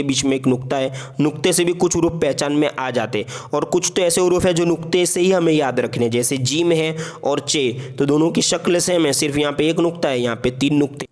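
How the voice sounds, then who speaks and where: Patient man teaching alphabet letters. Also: a little high. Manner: patient, repeats letters slowly with frequent check-ins. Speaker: Urdu teacher. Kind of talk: alphabet lesson narration.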